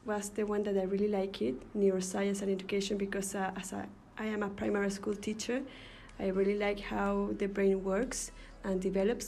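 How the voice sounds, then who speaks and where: Chilean woman, teacher, mellow soft voice, earnest, light music. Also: mid-range voice. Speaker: interviewed student, primary school teacher. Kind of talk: casual interview answers.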